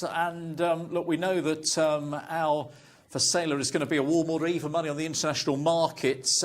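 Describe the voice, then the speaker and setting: A man presenting live horse racing from a studio, relaxed and bantering with his co-presenter between updates. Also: a little high.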